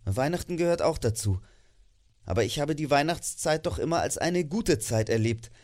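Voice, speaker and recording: A man's voice: fairly high pitch, lively intonation, normal speed, a little mellow, natural voice. A man reading an audiobook, voicing a cheerful, earnest young nephew who pleads with feeling. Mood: earnest pleading. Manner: pleading and heartfelt.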